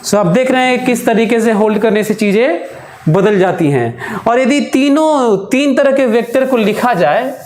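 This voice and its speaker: A male physics teacher giving a classroom lecture, speaking slowly and deliberately with held pauses. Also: very high voice, lively intonation, darkish tone. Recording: echoey room.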